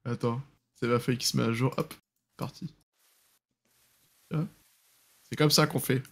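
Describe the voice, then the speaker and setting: A man's voice: medium pitch, steady tone, measured pace. A man playing in a tabletop game, making wry, jokey remarks. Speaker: player. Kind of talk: casual tabletop banter.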